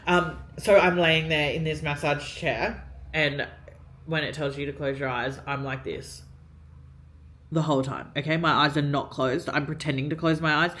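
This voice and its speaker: A woman's voice: low voice, fairly even intonation, normal speed, fairly bright tone. A young woman telling a story while getting ready, chatty, swearing often and filling her talk with "like". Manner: chatty, heavy swearing, many "like" fillers. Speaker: vlogger.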